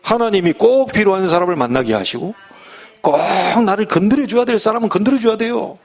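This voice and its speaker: Male pastor, middle-aged, animated high-pitched delivery, humorous folksy sermon with rhetorical questions. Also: a little fast.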